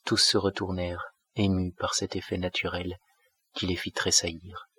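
A man narrating a classic novel as an audiobook in a measured, steady way, close to the mic. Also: low voice, breathy edge, no echo.

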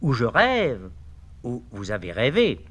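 An older man voicing a quiet, earnest male glazier who answers carefully. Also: mid-range voice, huge pitch swings, measured pace, heavily acted. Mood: defensive.

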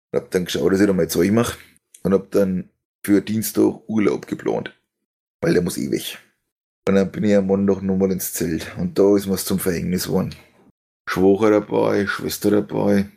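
A young man, his low voice rough with gravelly fry. He tells long, rambling stories in a loose chat, stumbling over fillers and breaking into laughter. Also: normal speed, mellow. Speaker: stream host telling a story. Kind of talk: casual storytelling chat.

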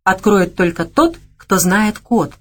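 A woman's voice: mid-range voice, animated, slow pace. A woman voicing a young man with no memory who speaks simply and earnestly. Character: young man with lost memory, quiet, sincere.

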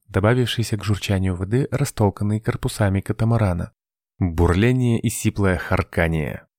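A man reading an adventure novel aloud as audiobook narrator, in a measured, dramatic way. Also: low voice, darkish tone, dry recording, studio quality.

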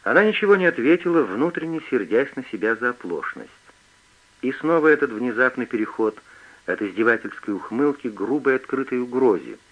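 Expressive male audiobook narrator. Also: mid-range voice, brisk, highs cut off. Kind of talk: scripted narration.

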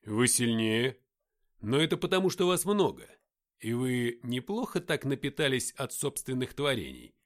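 A man voicing a brash, powerful man in an audiobook, speaking loudly, bluntly and with mockery. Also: medium pitch, very animated, moderate pace, lightly acted. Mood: firm. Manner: loud, barking, blunt. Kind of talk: audiobook character voice.

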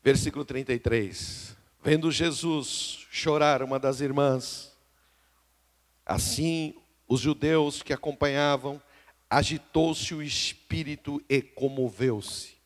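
A man with a Brazilian Portuguese accent preaches a live sermon as pastor. His delivery is emphatic. He swings between hushed, confiding passages and loud calls to the congregation, with his voice sitting at an ordinary middle pitch. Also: fairly even intonation, slow.

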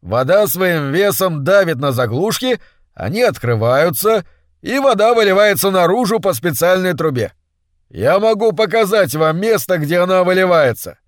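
A man voicing a dignified hermit who has lived by a waterfall for decades, speaking loudly, almost shouting. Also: mid-range voice, slow, few pauses, no echo, studio quality, lightly acted. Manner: loud, near-shouting delivery.

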